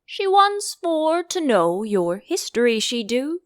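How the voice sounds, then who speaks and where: A woman's voice: sits high, big pitch swings, slow pace, no echo, clean studio sound, exaggerated voice. A woman voicing a male storybook griffin, colloquial and ungrammatical, amused and dismissive of everything. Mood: offhand.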